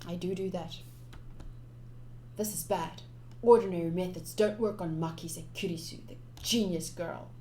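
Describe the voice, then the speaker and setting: Reading a visual novel aloud for her stream, a woman is playful, theatrical and expressive, adding casual comments as she goes. Her voice is on the low side at a moderate pace with frequent pauses, and there is game music plus slight background noise.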